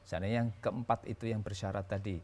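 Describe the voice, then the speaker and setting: Religious teacher on a TV talk show, a man with a low voice, patient and explanatory, faint background hiss. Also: steady tone, a little fast, darkish tone. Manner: patient, explanatory, with many examples.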